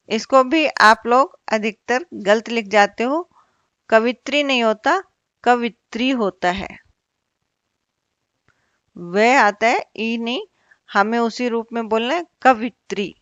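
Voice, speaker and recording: A woman teacher giving an online Hindi grammar lesson, repeating each word slowly and asking the class questions. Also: a little high, a bit bright, no room sound, dull audio.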